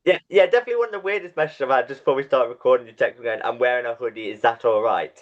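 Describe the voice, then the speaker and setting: A cheerful man hosts a relaxed interview podcast at a middling pitch and laughs easily with his guest. His voice comes through a somewhat dull, lo-fi recording. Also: rapid-fire. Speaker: podcast host. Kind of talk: casual interview chat. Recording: dull lo-fi sound.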